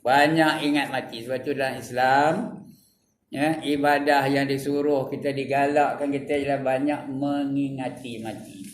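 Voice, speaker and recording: A man with a Malaysian Malay accent giving an evening religious lecture in a prayer hall, animated, mimicking laughter and asking his listeners questions. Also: mid-range voice, moderate pace, slight background noise. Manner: animated, mimics laughter and crying, asks the audience. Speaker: religious teacher. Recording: echoey, distant mic with faint room ambience.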